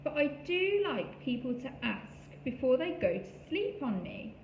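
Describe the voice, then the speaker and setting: A man's voice: very high voice, big pitch swings, a little slow, gravelly, roomy sound, a little hiss or hum, voice pushed up, heavily acted, poor audio. Woman voices a kindly older male park gardener, playful, chuckling, for a storybook. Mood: mock growly.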